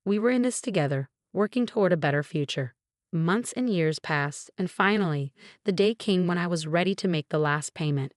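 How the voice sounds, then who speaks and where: Low-voiced woman narrating a story. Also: expressive, moderate pace, no room sound, clean studio sound. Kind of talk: scripted first-person story narration.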